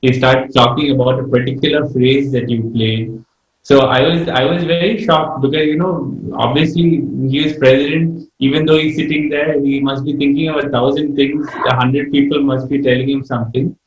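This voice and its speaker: A man answering casually in an interview as a musician, halting and often restarting his phrases. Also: mid-range voice, steady tone. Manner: hesitant, halting, repeats phrase starts. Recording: echoey, distant, slightly dull microphone.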